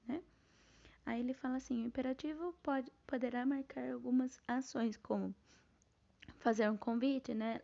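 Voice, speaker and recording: A Brazilian woman talks through an English grammar lesson in a relaxed, casual way. Her fairly high voice is dark and gravelly with vocal fry. The sound is dull and lo-fi, like a simple home recording. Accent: Brazilian Portuguese. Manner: relaxed, with frequent tag "né?" and slow read-out English examples. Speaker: English teacher. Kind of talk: casual spoken grammar lesson, reading and explaining.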